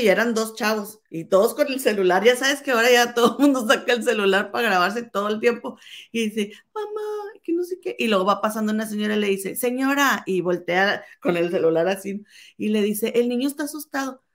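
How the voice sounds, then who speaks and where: A woman's voice: mid-range voice, a little fast. Chatty Mexican woman telling gossip. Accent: Mexican Spanish. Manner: animated storyteller, acts out quoted voices. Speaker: podcast co-host. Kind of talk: casual gossip chat.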